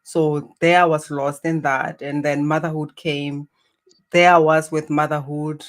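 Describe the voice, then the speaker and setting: Her voice sits low, and her delivery is flat and a little slow. She is a middle-aged spiritual healer from Botswana, a native Setswana speaker with that country's accent, looking back on her life in personal stories as an interview guest.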